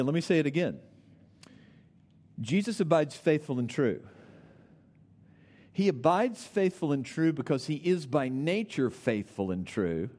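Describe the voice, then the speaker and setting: A man's voice: fairly low pitch, mellow. A man preaching a sermon, stressing his points by repeating them and asking the listeners direct questions.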